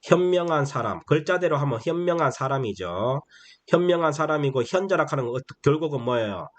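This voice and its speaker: A man's voice: a little high, lively intonation, fairly quick. A man teaching a classical text to a camera, asking his listeners frequent rhetorical questions as he explains. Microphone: camera-facing recording.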